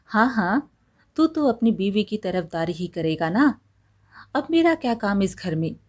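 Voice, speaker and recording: A woman's voice: medium pitch, very animated, measured pace. Woman doing a harsh nagging mother-in-law. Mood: bossy. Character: stern scolding middle-aged mother-in-law.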